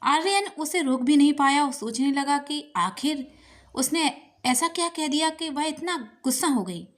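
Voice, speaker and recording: A woman narrating a romance story with a steady, expressive reading. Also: high voice, normal speed.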